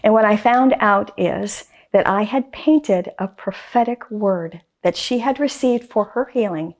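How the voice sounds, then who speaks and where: In a faith interview, a woman who is a guest artist chats casually, telling a story with animated emphasis and phrases she repeats. Her voice is mid-range and her pace measured.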